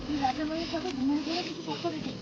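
A woman's voice: high voice, fairly even intonation, racing, lo-fi sound, natural voice. A woman playing an anxious, scolding young woman in an amateur haunted house film. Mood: worried, scolding. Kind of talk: amateur horror short film acting. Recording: echoey, distant, very noisy location sound.

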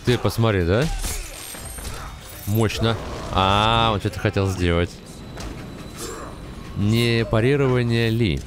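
Speaking slowly with long gaps, this young gamer offers short, mumbled remarks on his live play in a lowish, fairly level voice. The mic sits close, and fighting game music and effects fill the background.

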